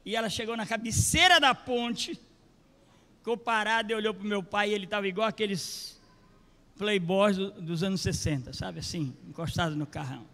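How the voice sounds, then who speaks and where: A high-voiced older pastor tells his testimony in a sermon, animated and acting out each quote. His voice rings through a church with a long reverb. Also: moderate pace.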